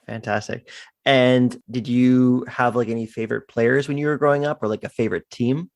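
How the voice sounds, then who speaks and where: A man's voice: medium pitch, fairly even intonation, normal speed. A man hosting a soccer podcast, introducing and interviewing with eager, loose phrasing. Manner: enthusiastic, loose with "um" and "like". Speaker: podcast host.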